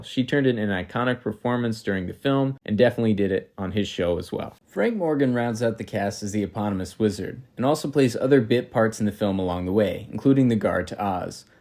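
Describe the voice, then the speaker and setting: Male reviewer, slightly low pitch, reads a scripted movie review with calm analysis. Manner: measured, analytical delivery. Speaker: film reviewer.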